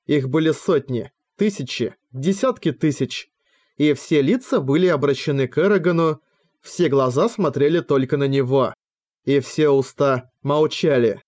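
A man's voice: fairly high pitch, darkish tone. Man reading a fantasy novel aloud. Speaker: audiobook narrator. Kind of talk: scripted fantasy novel narration.

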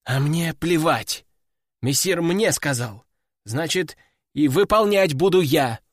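A man's voice: on the high side, lively intonation, slow, no room sound, studio quality. A man voicing a stubborn, defiant young male apprentice who talks bluntly.

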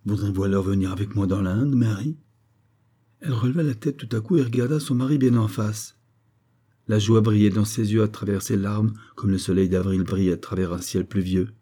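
A man narrating a classic novel as an audiobook in a measured, even manner. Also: lowish voice.

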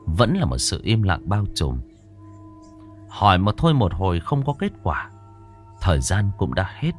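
A man narrating a ghost story in a slow, somber, dramatic reading. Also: low voice, sing-song, soft background music.

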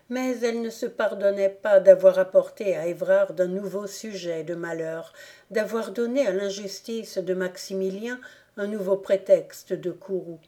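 A woman reading a classic novel aloud as an audiobook narrator, in a slow, deliberate manner. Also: medium pitch, warm tone. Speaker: audiobook reader. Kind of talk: scripted narration.

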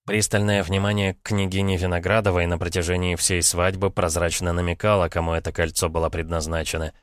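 A man narrating an audiobook in a very deep voice, reading steadily and evenly. The sound is dry and close, with no room in it. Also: level tone, brisk, no room sound.

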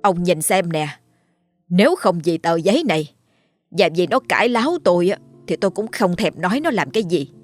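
A woman's voice: fairly low pitch, expressive, normal speed, faint music behind. A woman voicing a scheming, mocking older first wife who scolds shrilly and wails theatrically. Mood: scolding.

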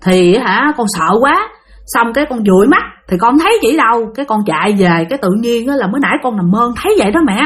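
A woman's voice: on the high side, big pitch swings, fast talker. A scared teenage boy, as a woman plays him. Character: frightened teenage boy telling his mother.

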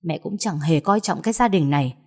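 A woman's voice: deep voice, normal speed, dark tone. A woman voicing an earnest grown son who pleads with and then scolds his mother, in a storybook reading. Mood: scolding.

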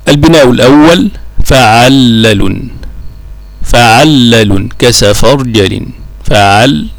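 A man teaching a classical Arabic grammar lesson, slow and measured, drawing out each example word. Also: medium pitch, animated, vocal fry, dry recording.

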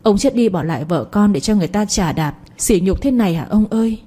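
A shrill, sharp-tongued older village mother, hurling curses and wailing to the neighbours in a spoken storybook, as a woman reader puts her on. The tone stays warm and dark underneath, with a husky, breathy edge. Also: animated, a little fast. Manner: wailing, cursing, screeching abuse.

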